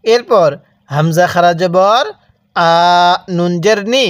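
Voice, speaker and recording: A man's voice: high-pitched, no echo, clean studio sound. A man teaching Quran reading step by step, stretching out each syllable and prompting the learner to repeat after him. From Bangladesh. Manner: drawn-out slow syllables, repeats and prompts learner to read along. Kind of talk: step-by-step recitation lesson.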